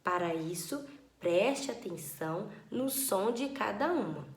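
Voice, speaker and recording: A woman teaching young children a spelling lesson, patient and drawn-out, stretching words syllable by syllable. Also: mid-range voice, animated, roomy sound, slight background noise.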